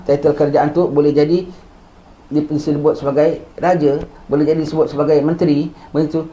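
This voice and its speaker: A man's voice: a little high, mellow. A male religious teacher, giving a lecture, repeating his points and asking listeners "Ha?", with English words mixed in. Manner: repetitive, asks listeners "Ha?", mixes English words. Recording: roomy, dull recording.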